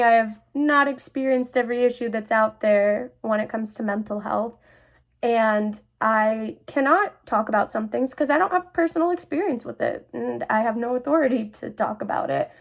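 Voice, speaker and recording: This vlog host is a young woman in her twenties with a fairly high pitch. She chats with her audience in a relaxed, personal, comforting way.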